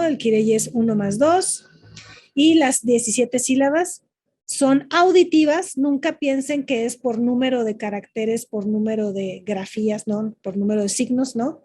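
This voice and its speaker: A woman's voice: a little high, dark tone, husky. A woman with a Mexican Spanish accent teaching young people the rules of haiku, explaining step by step and answering her own questions. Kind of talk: online lesson explaining poetry rules.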